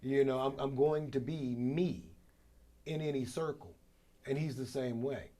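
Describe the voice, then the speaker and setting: Warm, mid-range and a touch slow, the voice comes from a middle-aged American man being interviewed about his radio work as program director and morning show host. His conversational storytelling is polished and emphatic, with phrases repeated for effect.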